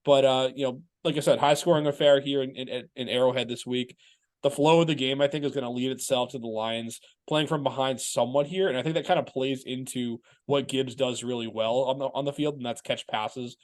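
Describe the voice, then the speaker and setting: A man's voice: mid-range voice, fairly even intonation, brisk. A man from Massachusetts hosting a casual sports and fantasy football talk, chatting loosely with restarts. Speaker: podcast host.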